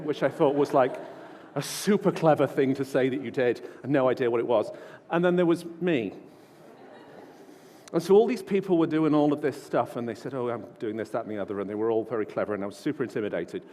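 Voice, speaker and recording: A man's voice: a little high, mellow. A man giving an informal, self-deprecating keynote talk full of stories at a large conference. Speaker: conference speaker. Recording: long hall reverb.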